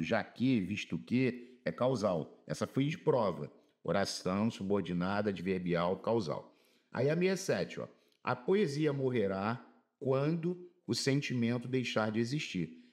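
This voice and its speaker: A Brazilian man teaching an informal grammar lesson for exam prep, slangy and upbeat, reading examples slowly and with emphasis. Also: mid-range voice, darkish tone. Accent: Brazilian Portuguese.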